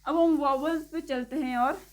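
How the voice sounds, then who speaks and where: High-voiced woman teaching pronunciation. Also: steady tone, a little mellow. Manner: explains step by step, often checks in with "okay"; slowly spells words out letter by letter. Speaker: English teacher. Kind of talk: classroom-style lesson.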